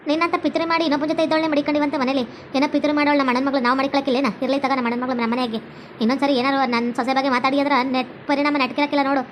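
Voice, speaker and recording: A woman's voice: sits high, little pitch movement, racing, slight background noise, lightly acted. A woman voicing a commanding, scolding middle-aged mother-in-law. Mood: bossy.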